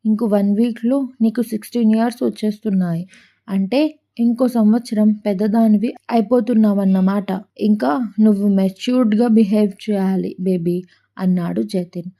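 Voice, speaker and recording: A woman's voice: medium pitch, steady tone, normal speed, warm tone. A woman narrating a family love story, reading aloud and voicing the characters' quoted lines.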